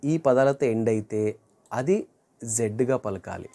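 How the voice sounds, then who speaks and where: An English teacher giving an online grammar lesson, repeating each word slowly to model pronunciation and correcting wrong forms. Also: mid-range voice, animated, warm tone.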